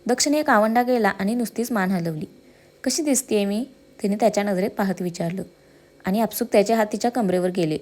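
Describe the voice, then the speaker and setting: A woman reading a romantic story aloud as a channel storyteller, in an even, smooth manner. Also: medium pitch, fast talker. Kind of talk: scripted story narration.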